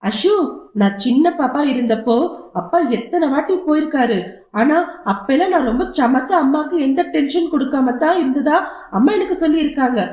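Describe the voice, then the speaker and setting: A woman's voice: sits high, lively intonation, a little fast, a little mellow. A woman voicing a sensible older girl who coaxes and reasons with her little brother. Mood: coaxing. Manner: coaxing, reasoning tone. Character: older girl, sensible caring big sister. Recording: roomy echo.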